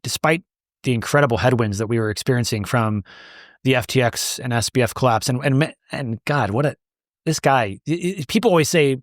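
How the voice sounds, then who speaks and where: Answering an interviewer's questions, the founder of an advocacy group talks briskly at a medium pitch, stressing his words and repeating them to drive a point home. It's studio-quality sound with no room sound.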